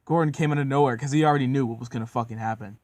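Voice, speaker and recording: A man's voice: mid-range voice, very fast, darkish tone, no room sound. A man narrating a comedic story in a casual, profane, mock-serious way.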